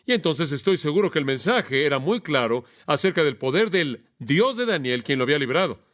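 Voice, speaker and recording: Higher-pitched man preaching a sermon. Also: very animated, fairly quick, fairly bright tone. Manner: expository preaching, rhetorical questions, dramatic quoted voices.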